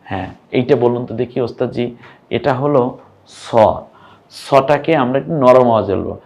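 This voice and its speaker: Teaching online how to read Arabic vowel marks, a young man patiently pronounces syllables and tests his viewers. He talks a little fast in a medium pitch, slightly mellow, with some vocal fry.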